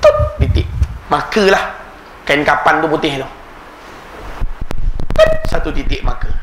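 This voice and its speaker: A man's voice: on the high side, measured pace. A male preacher with a Malaysian Malay accent, giving a humorous sermon and acting out anecdotes in the voices of other people. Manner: animated storyteller, mimics other people's voices. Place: mosque prayer hall. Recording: echoey prayer hall with background noise.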